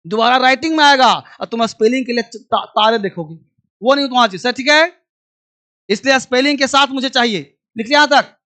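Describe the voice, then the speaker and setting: A man's voice: extremely high pitch, bright, forceful tone. A man teaching an English lesson in a classroom style, drilling words aloud and repeating them with a commanding manner.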